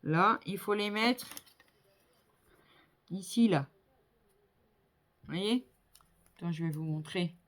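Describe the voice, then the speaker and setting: A middle-aged woman thinking aloud while she works on a craft project. She talks at an unhurried, slow pace, fills her sentences with little hesitations, and keeps a relaxed, chatty tone with her viewers. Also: on the low side. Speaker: crafter building a model kit. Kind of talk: casual hands-on crafting commentary.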